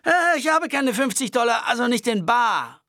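A man's voice: extremely high pitch, sing-song, moderate pace, sharp tone, no room sound, studio quality, pitched above the performer's own voice, exaggerated voice. A man voicing a nervous, rambling sheep farmer in a Western audiobook, babbling and laughing nervously.

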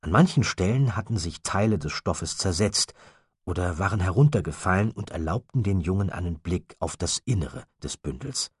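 A man reading an audiobook in a steady, measured storytelling manner. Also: sits low, breathy edge, dry recording, clean studio sound. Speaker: audiobook narrator. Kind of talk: scripted narration.

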